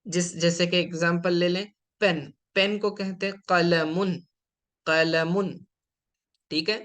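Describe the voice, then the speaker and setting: A male Arabic grammar teacher with a Hyderabadi Urdu accent explains a slide lesson at a steady, patient pace. He repeats key terms and often checks that his listeners are following. He mixes English terms into his explanations. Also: high-pitched.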